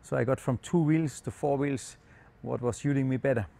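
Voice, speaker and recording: A man speaks as a guest on a racing show. He answers casually and takes his time, searching for the right words. His voice sits in an everyday middle pitch. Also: moderate pace, creaky, dark tone. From Germany. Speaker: race driver guest.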